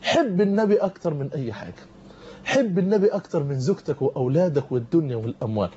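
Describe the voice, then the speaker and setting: Fervent, fast-talking Egyptian preacher man. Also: on the high side, animated, dark tone, highs cut off, slight background noise. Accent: Egyptian Arabic. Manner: fervent, urgent warnings. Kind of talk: televised sermon. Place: television studio.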